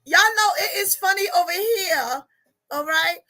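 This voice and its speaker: High, bright-voiced woman coach. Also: unhurried. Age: 40s. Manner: animated, laughing, chatty, reads comments aloud. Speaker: life coach hosting a livestream. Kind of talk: casual livestream chat.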